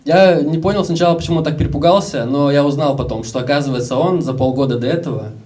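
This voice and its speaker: A man's voice: a little high, quick pace, darkish tone, far from the mic. A young Russian man in his twenties telling stories casually in a stand-up comedy set, acting out the voices of other people. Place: live comedy show with audience.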